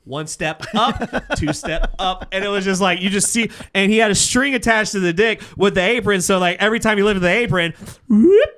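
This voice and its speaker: A podcast host who also runs a comedy show chats casually, his voice high-pitched, brisk and a bit bright. He tells stories animatedly, with slangy swearing, acting out snippets of dialogue.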